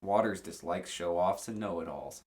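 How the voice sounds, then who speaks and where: A man's voice: deep voice, moderate pace, darkish tone. Man reading quiz questions sarcastically. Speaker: podcast co-host reading a quiz. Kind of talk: casual chat.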